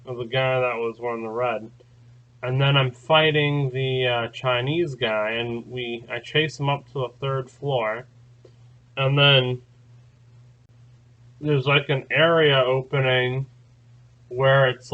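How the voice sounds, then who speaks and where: Speaking slowly and steadily in a mid-range voice, a man on his own channel tells a lengthy, rambling story, stumbling through fillers and restarts. The audio quality is lo-fi.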